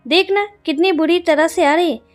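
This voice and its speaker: A woman's voice: very high voice, moderate pace, faint music behind. A woman voicing a frightened, jumpy young man who blurts out panicky questions. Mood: agitated.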